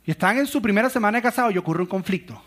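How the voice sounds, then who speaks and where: A middle-aged man with a fairly high voice preaches to his congregation. He tells lively stories and acts out little quotes between his points. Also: racing. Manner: storytelling with acted-out quotes and laughs. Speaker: pastor. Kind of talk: sermon.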